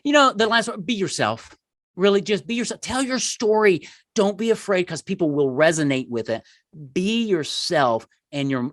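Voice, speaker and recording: A middle-aged man chatting as a podcast guest, with very lively pitch swings. His delivery is emphatic and self-deprecating, and the sound is dry and close. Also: no room sound. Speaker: podcast guest, marketing entrepreneur. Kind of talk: conversational interview storytelling.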